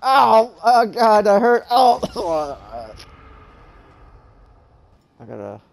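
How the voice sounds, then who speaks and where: Woman gamer, slow-paced, sweary chat with lots of laughing and swooping pitch. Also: big pitch swings, creaky. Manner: swears constantly, laughs and yelps in surprise. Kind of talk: gaming chat with a friend.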